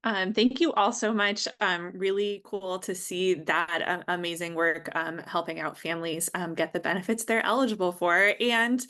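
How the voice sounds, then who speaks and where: A woman's voice: fairly low pitch, fairly even intonation, normal speed, hardly any pauses, sharp tone. A woman moderating a conference session, friendly and filler-heavy as she hands over to the next speakers.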